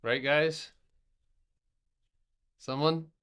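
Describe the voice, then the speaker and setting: A man's voice: a little high, steady tone, extremely slow, a bit bright, clean tone. A man in his thirties hosting a trading live stream, talking loosely through charts, swearing now and then and answering his chat. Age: 30s.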